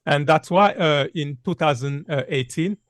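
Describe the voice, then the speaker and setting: A man's voice: fairly high pitch, measured pace, no echo, clean studio sound. A man in his fifties from Congo gives an earnest public health talk with many "uh" fillers. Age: 50s. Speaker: speaker giving a health talk.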